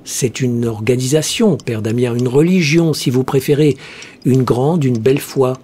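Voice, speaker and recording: A man voicing a cheerfully cunning male heretic priest, speaking slowly in a smooth, almost chanting way. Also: mid-range voice, dark tone, slight background noise, lightly acted. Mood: sly. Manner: slow, smooth, chanting delivery.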